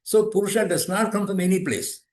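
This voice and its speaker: An elderly man in his eighties talks through philosophical ideas as an interview guest, pausing to restart and repeat himself as he thinks. His voice sits fairly high for a man. The recording has a noticeable roomy echo. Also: animated. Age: 80s. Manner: thoughtful, repeats and restarts phrases. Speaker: guest, yoga teacher and author. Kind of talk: explaining philosophy in conversation.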